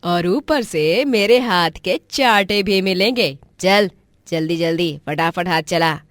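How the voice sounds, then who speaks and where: A woman voicing a cruel, harsh middle-aged aunt who scolds slowly. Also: fairly low pitch, dry recording, studio quality. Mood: scolding.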